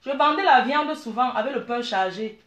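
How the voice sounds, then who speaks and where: A middle-aged woman from Cameroon, giving blunt, animated advice and calling her listeners dear. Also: fairly high pitch, moderate pace, reverberant. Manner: blunt, animated, calls listeners "maman" and "ma chérie". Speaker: business owner. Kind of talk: frank advice monologue.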